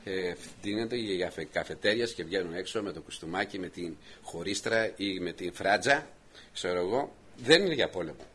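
A male preacher giving a sermon who tells a story with lively delivery and talks straight to his congregation. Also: sits low, slightly rough.

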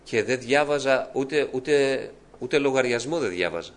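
A man's voice: mid-range voice, animated. A middle-aged man preaching a fervent testimony sermon, often calling out to his beloved brethren. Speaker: church preacher giving testimony.

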